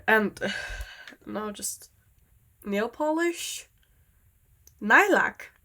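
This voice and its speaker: A young Danish woman, a native Danish speaker, chats casually in a vlog while doing her nails. She talks slowly and rambles, easily distracted and full of fillers. Her voice is a little high, animated, and pushed and bright.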